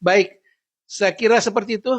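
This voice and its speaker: Man teaching Quran recitation, drawn-out demonstrations. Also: high-pitched, steady tone, dry recording. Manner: patient, repeats and demonstrates words slowly; drawn-out chanted recitation examples. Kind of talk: instructional talk on recitation.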